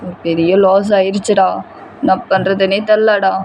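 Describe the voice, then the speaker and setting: A woman's voice: mid-range voice, fairly even intonation, moderate pace, a little mellow, slight background noise, close to an everyday voice. A woman voicing an anxious young man, a loyal friend, who talks in a worried, pleading way.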